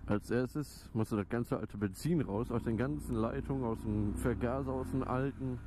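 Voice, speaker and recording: A man's voice: medium pitch, normal speed. A young man chatting casually and bluntly in slang from inside a helmet while riding a motorbike, as a vlogger. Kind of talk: casual rambling vlog chat while riding. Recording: helmet mic with clear engine and wind noise. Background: motorbike engine and street traffic noise.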